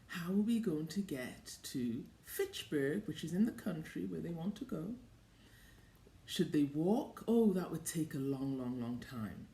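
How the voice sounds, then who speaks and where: A woman presenting a story to children, speaking straight to them in simple questions with deliberate, emphatic phrasing. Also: fairly low pitch, dark tone, a little hiss or hum. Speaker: host of a children's story and lesson show. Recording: roomy echo.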